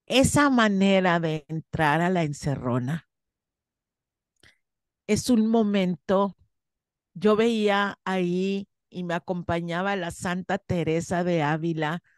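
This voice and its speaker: A woman's voice: lowish voice, darkish tone, no echo, clean studio sound. A woman, a guest in an interview, earnestly telling a personal story and acting out her own past words. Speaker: interview guest, spiritual course teacher.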